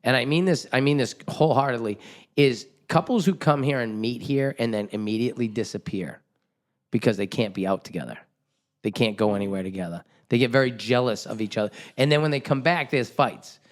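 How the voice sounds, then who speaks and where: A man hosting a casual podcast chat, animated and joking, swearing freely and laughing often. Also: medium pitch, a little fast. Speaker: podcast host.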